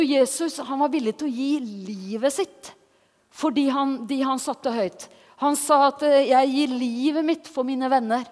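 A woman giving a lively, conversational Bible teaching, often putting questions to her listeners. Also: high voice, in a large hall.

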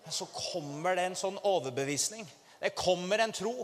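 A man preaching a testimony to a congregation, telling his story in an animated way and rising to fervent exclamations. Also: high voice. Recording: long hall reverb.

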